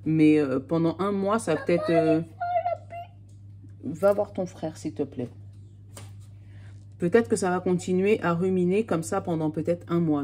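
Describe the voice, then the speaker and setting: A woman with a fairly low, mellow voice talks through a tarot reading. She is chatty and reassuring and speaks straight to the listener. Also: breathy edge. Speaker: tarot card reader. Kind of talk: casual spoken card reading to viewers.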